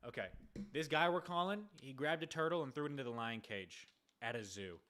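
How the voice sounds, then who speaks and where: A young man live-streaming, chatting casually with viewers in an excitable way, repeating himself and firing off rapid shout-outs. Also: mid-range voice, a little hiss or hum. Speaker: livestreamer doing prank calls.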